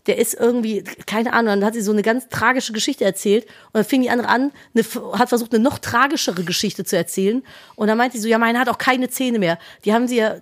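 A woman's voice: on the high side, fast talker. A woman telling a funny anecdote in casual podcast chat. She acts out the people she quotes and laughs a lot. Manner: animated, acts out quoted voices, laughs often. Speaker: podcast co-host.

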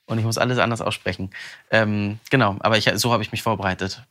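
A man, a voice actor, chatting animatedly in an interview, talking in quick bursts and often laughing. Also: on the low side, fairly even intonation, pushed and bright. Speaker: voice actor interviewed about his audiobook. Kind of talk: casual interview answers.

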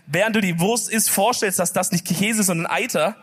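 Husky high-voiced Swabian man joking. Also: fairly quick, a bit bright, faint music behind. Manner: joking slangy banter. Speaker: podcast co-host. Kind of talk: live stage comedy podcast. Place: stage before a live audience.

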